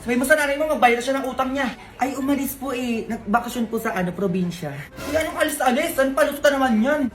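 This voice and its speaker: A woman's voice: sits high, fast. Brash, bickering woman in comedy skits. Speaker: comedy skit performer. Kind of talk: comedic skit dialogue. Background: background music.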